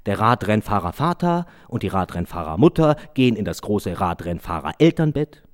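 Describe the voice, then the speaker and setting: A man reading aloud children's stories as a storyteller, in an expressive, sing-song way. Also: on the low side, moderate pace.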